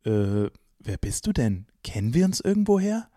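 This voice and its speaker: A man with a mid-pitched voice presents like a kids' show host. He talks directly to children in a scripted audio-play style, guiding them through the story. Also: sing-song, normal speed, dark tone, dry recording, clean studio sound.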